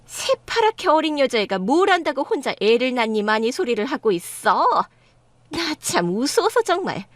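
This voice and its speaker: A woman's voice: high voice, big pitch swings, normal speed, no echo. A woman voicing a scornful, domineering middle-aged mother-in-law in a dramatized story. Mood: sneering. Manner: sneering, scolding.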